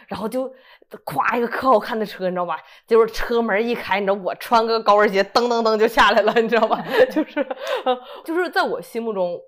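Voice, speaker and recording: A woman, telling her testimony in a lively, chatty way. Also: mid-range voice. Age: 30s. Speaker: guest sharing a testimony. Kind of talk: casual testimony storytelling.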